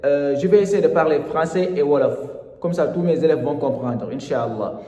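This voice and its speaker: A man gives a step-by-step reading lesson, mixing French and Wolof. His voice sits a little high yet sounds dark and mellow. The room rings with a long, echoing reverb. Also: moderate pace. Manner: patient, repeats and spells out each step. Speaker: Quran reading teacher.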